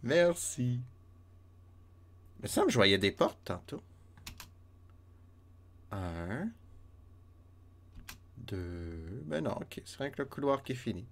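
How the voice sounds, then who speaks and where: A man's voice: mid-range voice, big pitch swings, slow pace, long pauses, fairly bright tone, a little hiss or hum. A man with a Québécois French accent streaming a retro game live, muttering step counts and chatting with his viewers. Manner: counts steps under his breath, chats with viewers. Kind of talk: live let's play chat.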